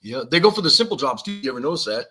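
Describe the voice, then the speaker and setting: A man's voice: mid-range voice, sing-song, rapid-fire, pushed and bright, slightly rough. A man co-hosting a live survival podcast, telling stories in a rambling, slangy way and laughing as he goes. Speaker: podcast co-host. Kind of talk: casual live-stream chat.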